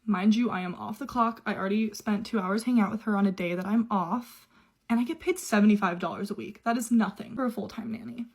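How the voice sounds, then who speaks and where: A woman's voice: medium pitch, quick pace, husky. Young woman spilling a story, super chatty, says like constantly. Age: young adult. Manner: chatty, many "like" fillers. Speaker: au pair telling her story. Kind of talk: casual storytime.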